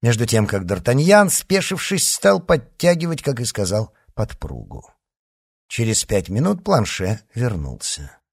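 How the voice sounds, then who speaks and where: A man narrating a classic adventure novel as an audiobook, telling it with expressive storytelling. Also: medium pitch, a little slow, vocal fry, husky, no room sound, clean studio sound.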